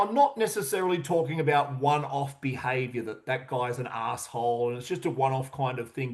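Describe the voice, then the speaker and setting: A man giving a motivational coaching talk on self-acceptance, earnest and emphatic, repeating key questions for effect. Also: high-pitched. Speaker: confidence coach.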